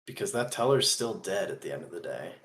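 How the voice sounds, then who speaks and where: A man playing a principled, earnest gunslinger in a tabletop role-play, speaking deliberately in halting phrases. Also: deep voice, expressive, a bit bright. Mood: earnest, resolute.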